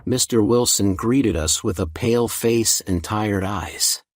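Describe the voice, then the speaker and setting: A man reading a simple story aloud in a clear, even way for English learners. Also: on the low side, unhurried, no room sound. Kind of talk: slow storybook narration for learners.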